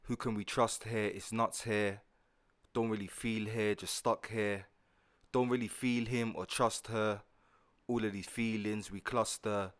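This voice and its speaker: Male rapper, low, rhythmic show intro, dry studio sound. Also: level tone, measured pace, no echo. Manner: rhythmic rapping. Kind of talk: rap intro.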